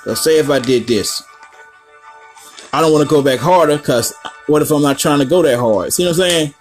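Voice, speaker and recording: A man's voice: a little high, normal speed, soft background music. Rambling, foul-mouthed man teaching coloring. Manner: rambling, profane, joking asides. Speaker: art tutorial host. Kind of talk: casual drawing tutorial.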